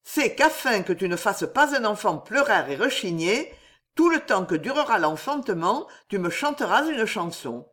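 A woman's voice: medium pitch, very animated, moderate pace, a bit bright. Woman as a jovial old king and grandfather, hearty and commanding, storybook reading. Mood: bargaining.

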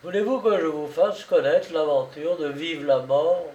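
A man's voice: on the high side, unhurried, warm tone, dull audio, close to an everyday voice. A man reading aloud voices a friendly young cart driver who tells a story, speaking in a chatty, questioning way. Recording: roomy, distant mic, faint noise.

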